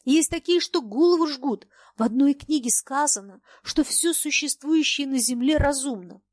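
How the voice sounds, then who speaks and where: Woman doing a high, fervent bookish girl. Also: no echo, natural voice. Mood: impassioned. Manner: earnest, impassioned, quick to argue. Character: young woman, bookish, earnest and sharp-tongued. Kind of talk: audiobook character reading.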